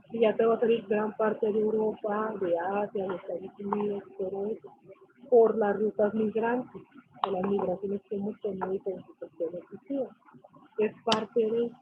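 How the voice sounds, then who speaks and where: Teacher lecturing over a tinny call. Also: female voice, mid-range voice. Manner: explains with questions and quoted student replies. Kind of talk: online class lecture. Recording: tinny phone-like call audio with faint hiss.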